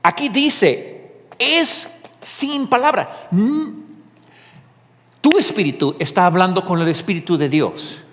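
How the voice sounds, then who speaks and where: A man preaching a sermon as pastor, animated and full of rhetorical questions. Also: sits high, takes it slowly, pauses often, big-room sound.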